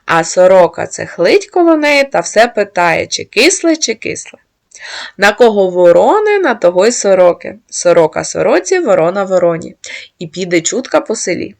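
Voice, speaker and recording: A woman delivers a measured, scripted narration in a host's voice. Her pitch moves in a lively way, and a gravelly fry runs through her delivery. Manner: measured reading aloud of folk sayings. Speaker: channel host and narrator.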